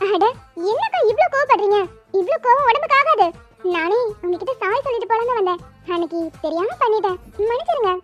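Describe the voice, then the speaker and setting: A woman's voice: very high voice, expressive, fast talker, muffled recording, faint music behind. A woman voicing a cheeky young cartoon woman in a superhero costume, coaxing, playful and unbothered. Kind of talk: animated cartoon voice acting.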